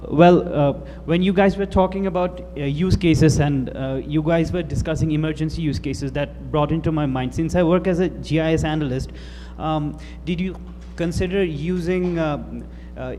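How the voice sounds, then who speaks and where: A man's voice: fairly high pitch, mellow, in a large hall, slight background noise. A man from Bangladesh asking the guest a question from the audience, hesitant with many uhs.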